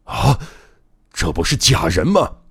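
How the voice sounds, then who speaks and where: A man voicing a husky, stammering nervous guard. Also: rumbling low, expressive, brisk, pitched below the performer's own voice, full character voice. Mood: alarmed. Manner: stammering, fretful. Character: anxious adult male guard, jittery and jumpy.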